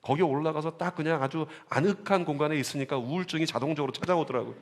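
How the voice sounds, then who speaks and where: A man preaching a Sunday sermon as pastor, animated and calling on the congregation to repeat lines and read along. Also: on the high side, fast talker. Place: church sanctuary. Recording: church sanctuary with long reverb.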